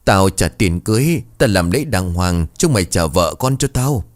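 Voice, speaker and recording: A man's voice: deep voice, expressive, moderate pace, no echo, studio quality. A man voicing a grief-crazed older village chief who wails and rants. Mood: mad muttering. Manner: wailing, ranting.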